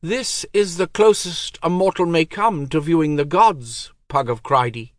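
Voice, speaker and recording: A man's voice: a little high, measured pace, no room sound, studio quality, voice pushed up, lightly acted. A man voicing a cold, commanding goddess of death who speaks in solemn pronouncements. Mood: icy, solemn.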